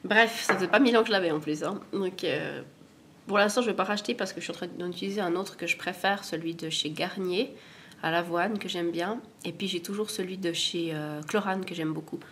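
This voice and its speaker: A woman's voice: on the low side, a little fast, a bit bright, slight background noise. A woman with a cold chatting casually through a beauty product review, rambling and poking fun at herself. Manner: chatty, rambling, self-deprecating. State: has a cold. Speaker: beauty vlogger.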